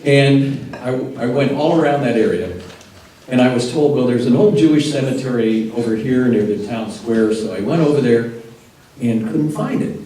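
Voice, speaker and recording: A man's voice: medium pitch, moderate pace, dark tone. Man asking from the floor. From Texas, United States. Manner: conversational, storytelling, with fillers. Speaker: audience member asking a question. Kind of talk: audience question at a lecture. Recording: echoey hall from far off.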